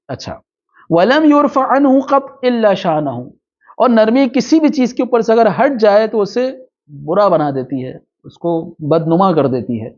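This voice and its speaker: A man teaching a religious lesson. He reads Arabic passages slowly, then explains them with quick asides and rhetorical questions. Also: high voice, a little mellow. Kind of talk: hadith lecture, reading Arabic text and explaining it. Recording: dull lo-fi recording.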